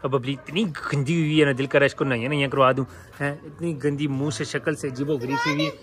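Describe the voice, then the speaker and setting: A man's voice: medium pitch, steady tone, quick pace. A man vlogging about his pet birds and animals, chatting casually to viewers and coaxing the animals, repeating "yaar" constantly.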